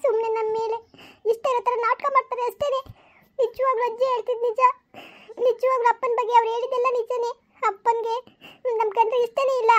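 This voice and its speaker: A woman's voice: extremely high pitch, little pitch movement, quick pace, lo-fi sound. A woman doing a sobbing, pleading young daughter. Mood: tearful. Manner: whining, pleading, sobbing complaints. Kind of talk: family skit acting.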